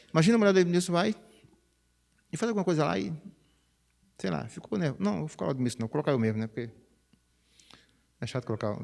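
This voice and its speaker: Lively São pastor in his fifties. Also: on the high side, vocal fry. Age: 50s. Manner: chatty, animated, peppers phrases with "né?". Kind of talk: conversational sermon. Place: church sanctuary. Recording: reverberant church hall.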